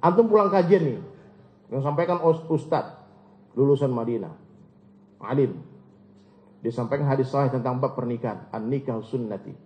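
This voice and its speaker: A male preacher giving a lively, humorous sermon and often turning to his listeners directly. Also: mid-range voice, normal speed, pauses often. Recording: echoey hall, dull lo-fi sound.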